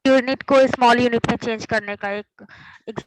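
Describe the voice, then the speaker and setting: A woman's voice: fairly high pitch, fairly even intonation, normal speed. A woman student asking her teacher for an example, heard over a crackly call line that keeps cutting out. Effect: crackly, breaking-up call line.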